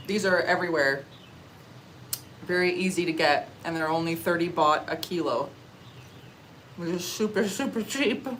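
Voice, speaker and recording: Relaxed young Canadian woman livestreaming. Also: on the low side, moderate pace, pauses often, slight background noise, rough recording. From Canada (Ontario). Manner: relaxed, chatty, eating on stream with murmurs of enjoyment. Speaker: livestream vlogger. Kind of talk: casual livestream chat reading comments. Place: outdoors or open space in a warm country.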